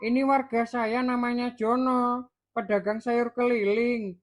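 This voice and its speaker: A woman's voice: a little high, level tone, measured pace, natural voice. Woman playing a fussy chatty neighborhood chief. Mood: incredulous. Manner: chatty, incredulous. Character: fussy nosy neighborhood chief, middle-aged man. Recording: clear music bed behind voice.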